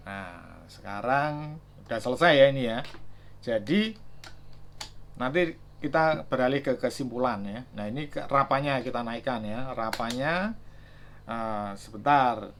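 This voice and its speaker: A man's voice: mid-range voice, animated, measured pace, a bit bright, a little hiss or hum. A man casually demonstrating chargers, thinking aloud and reading out numbers with many fillers. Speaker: gadget reviewer. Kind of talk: casual product demo.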